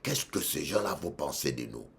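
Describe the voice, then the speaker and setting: A man with a Congolese French accent, a bishop preaching a sermon, emphatic and repeating phrases, swinging between loud and quiet. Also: rumbling low, big pitch swings, moderate pace, creaky.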